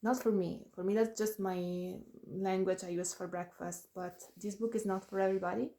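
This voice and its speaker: A woman's voice: mid-range voice, fairly even intonation, moderate pace, gravelly, mellow. A woman author chatting casually to camera about her new book, laughing often and making self-deprecating asides.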